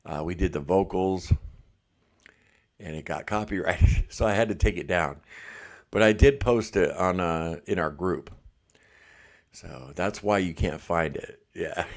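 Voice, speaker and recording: This livestream host is a middle-aged man whose deep, creaky voice moves slowly, broken by long pauses. He chats casually and reads out comments, relaxed and laughing a lot, though he's a bit congested and has a blocked ear.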